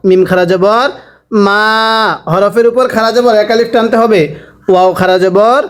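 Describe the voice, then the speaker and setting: A man with a Bangladeshi Bengali accent teaching a Quran lesson, spelling out syllables and then chanting drawn-out recitation. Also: high voice, fairly even intonation, clear, resonant tone.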